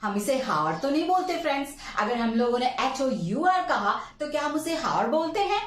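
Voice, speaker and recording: Lively high-voiced woman teaching. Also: roomy sound, far from the mic, rough recording. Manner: addresses viewers as friends, repeats words slowly. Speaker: English teacher. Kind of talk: Hindi-English pronunciation lesson.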